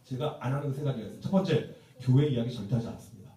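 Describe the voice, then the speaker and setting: Speaking to church teachers in a church sanctuary, a pastor gives a humorous seminar full of playful stories and acted-out quotes. His mid-range voice is mellow and rapid-fire, heard from far off in the echoey hall.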